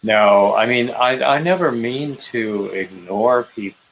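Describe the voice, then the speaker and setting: Slow, self-deprecating man in his fifties. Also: mid-range voice, vocal fry, dull audio, a little hiss or hum. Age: 50s. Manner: self-deprecating, hesitant, with many restarts and dry jokes. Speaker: host of a knitting livestream. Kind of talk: casual chat while knitting.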